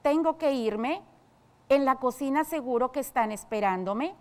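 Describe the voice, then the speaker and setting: A woman's voice: fairly high pitch, normal speed, darkish tone, lightly acted. A woman reading as a play's servant. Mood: doubtful. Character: female household servant in a play, eager to leave. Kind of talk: dramatized reading.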